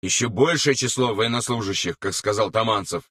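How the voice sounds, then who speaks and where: Man narrating an audiobook, dry and measured. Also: fairly low pitch, a bit bright, husky, dry recording, far from the mic. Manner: measured, unhurried.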